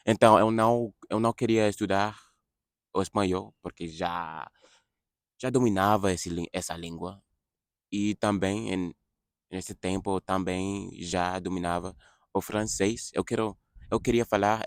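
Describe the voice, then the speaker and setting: Slow, halting young man, deep voice. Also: fairly even intonation, clean tone, no echo, clean studio sound. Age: young adult. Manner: halting, many restarts and self-corrections. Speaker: vlogger, language learner. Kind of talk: casual spoken update in a learned language.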